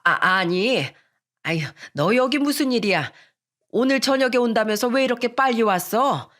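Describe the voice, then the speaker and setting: A woman voicing a harsh older mother-in-law from the countryside who nags in a shrill, scornful tone. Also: animated, moderate pace, a bit bright. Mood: defensive.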